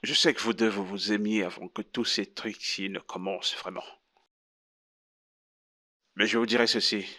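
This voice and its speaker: Low bright voice, preachy counselor, measured sermonizing, film drama dub. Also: male voice, fairly even intonation. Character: moralizing male counselor, calm and preachy. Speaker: marriage counselor.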